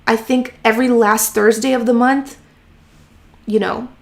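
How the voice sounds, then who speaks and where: A woman hosting a casual live-stream Q&A, chatty and encouraging with lots of fillers, her voice going a bit hoarse from talking. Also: a little high, fairly even intonation, a little slow. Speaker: host of a freelance writing live stream. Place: home office.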